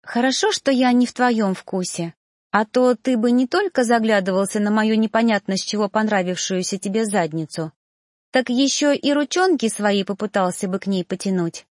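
A woman's voice: mid-range voice, normal speed, no echo, clean studio sound, natural voice. A woman voicing a bold, teasing young female apprentice in an audiobook, with a raised, mocking voice. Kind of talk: audiobook character voice.

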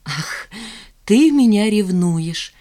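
A woman's voice: medium pitch, moderate pace, darkish tone, pitched above the performer's own voice, natural voice. A woman reading the part of a proud, moody young woman in an audiobook, sullen and sarcastic.

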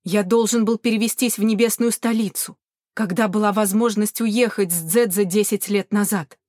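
A woman voicing a weary male captain who speaks gravely and measuredly. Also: medium pitch, steady tone, moderate pace, darkish tone, dry recording, clean studio sound, lightly acted. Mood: grim.

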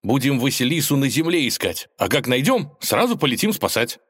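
A man voicing the boy hero Ivan in a storybook reading, excited and bossy. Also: mid-range voice, fairly quick, husky, pitched above the performer's own voice. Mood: eager.

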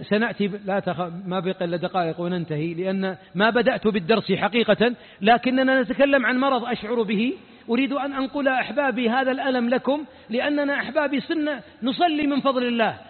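A Saudi preacher delivers a mosque religious lesson with fervour, pressing his listeners with rhetorical questions. His voice sits strikingly high for a man. It carries a long reverb from a large hall, heard through thin, phone-like audio.

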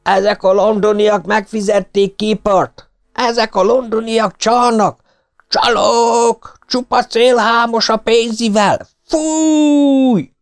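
A man voicing a bearded old football fan who shouts and rages at the referee. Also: sits high, animated, creaky, pitched above the performer's own voice. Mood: furious. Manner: shouting, agitated.

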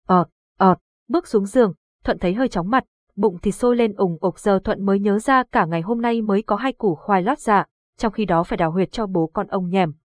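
A woman's voice: medium pitch, slightly rough, no room sound. Woman reading a ghost story. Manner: steady storytelling. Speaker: audiobook narrator. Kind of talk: scripted horror narration.

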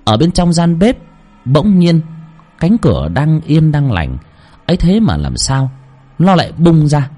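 A man's voice: fairly high pitch, huge pitch swings, a little slow, warm tone, faint music behind. A man narrating a ghost story with a dramatic, swooping delivery.

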